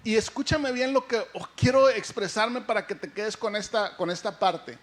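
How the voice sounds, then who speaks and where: A male pastor preaching a lively sermon, asking the congregation questions and acting out the story. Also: high-pitched, moderate pace.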